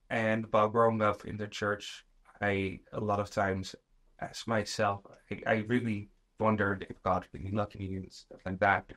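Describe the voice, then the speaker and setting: A man in his twenties from the Netherlands, a guest sharing his story in an earnest, slightly halting way. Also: low-pitched, fairly bright tone. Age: 20s. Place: sitting room with other guests.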